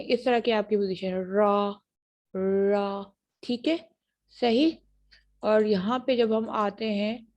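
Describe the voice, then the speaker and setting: Lecturer: a woman with a Pakistani accent teaching phonetics online. Her voice sits a little high, and she checks in with the class often. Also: a little mellow, muffled recording. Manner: checks in often with short questions to students; models sounds slowly and deliberately. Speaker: university lecturer. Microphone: computer mic for an online class.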